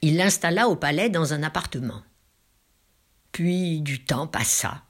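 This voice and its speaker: A woman telling a folk tale with slow, drawn-out dramatic phrasing, dropping into hushed whispers for emphasis. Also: sits low, expressive, breathy edge. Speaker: storyteller.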